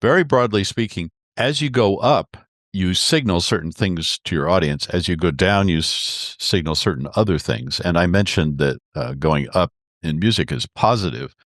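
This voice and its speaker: Give me a low-voiced man explaining communication as a podcast guest, expressive and animated. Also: normal speed, no echo, studio quality. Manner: expressive, demonstrates pitch changes while explaining. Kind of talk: explanatory interview talk.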